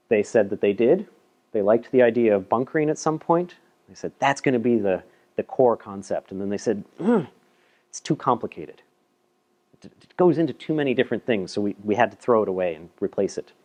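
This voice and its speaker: A man's voice: medium pitch, a little mellow. A man giving a casual, chatty technical talk at a meetup, presenting a paper with self-deprecating asides and frequent repeated words. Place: meetup room.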